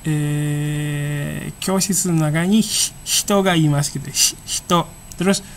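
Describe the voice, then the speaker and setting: A language teacher giving a casual online lesson, chatting and slowly repeating syllables to demonstrate how they sound. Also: medium pitch, fairly even intonation, a little hiss or hum.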